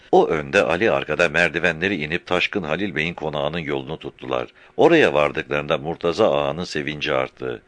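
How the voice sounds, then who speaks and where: A man reading a novel aloud as a narrator in measured, unhurried storytelling. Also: rumbling low, a bit bright, no room sound. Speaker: audiobook narrator. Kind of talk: scripted literary narration.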